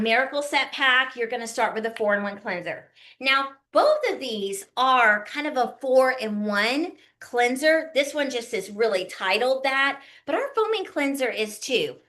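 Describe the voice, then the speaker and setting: Speaking a little slowly with lively intonation, this skincare consultant in her early fifties runs a casual live product demonstration online. Her fairly high voice has a sharp tone, and her folksy chat keeps checking in with the audience.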